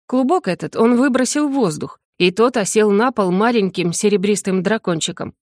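A woman calmly reading a first-person audiobook narration. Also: mid-range voice, moderate pace, no room sound, clean studio sound.

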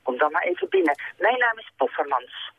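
A woman's voice: on the low side, huge pitch swings, a little fast, husky, no room sound, heavily acted. A woman voicing a curt, sensible father in a children's story she reads aloud, brusque and dismissive. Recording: tinny phone line.

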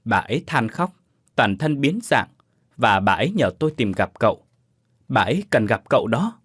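A man's voice: mid-range voice, very animated, fairly bright tone, slightly rough, no echo, clean studio sound. A man reading a solemn older village woman. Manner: slow, solemn, measured. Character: sorrowful older woman, calm and wise.

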